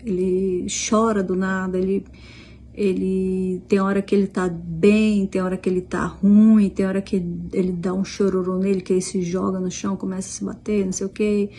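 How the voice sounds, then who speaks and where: A woman's voice: medium pitch, little pitch movement, moderate pace, dark tone, slight background noise. A middle-aged Brazilian woman with a Brazilian Portuguese accent, casually retelling a conversation with many restarts and quoted dialogue. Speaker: vlogger, mother. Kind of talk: casual storytelling.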